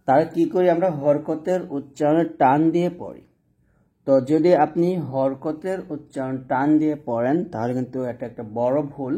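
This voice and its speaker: A man teaching an online Quran reading lesson, drawling each letter sound slowly and then explaining quickly. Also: mid-range voice, warm tone.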